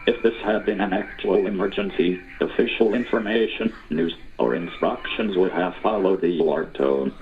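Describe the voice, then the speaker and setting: A synthetic robot text-to-speech man's voice reading an official emergency alert announcement in a formal, measured way. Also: low voice, faint music behind. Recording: dull lo-fi sound from a TV set.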